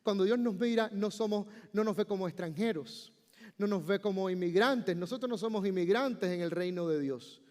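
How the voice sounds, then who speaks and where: A male pastor preaching a sermon, building from calm explanation to emphatic, slowed outbursts. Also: sits high. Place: church sanctuary. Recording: long church reverb.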